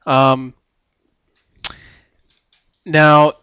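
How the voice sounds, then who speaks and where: A man's voice: fairly high pitch, flat delivery, very slow, sharp tone, clear, resonant tone, no room sound, poor audio. A man co-hosting a casual podcast-style radio show, talking in a laid-back, rambling, joking way.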